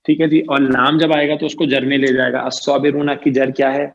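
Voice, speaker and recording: A man's voice: medium pitch, flat delivery, creaky, muffled recording. A man teaching Arabic grammar in an online lecture. He stretches out key terms and keeps quizzing his students. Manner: repeats "ٹھیک ہے جی" and "صحیح ہے جی" often.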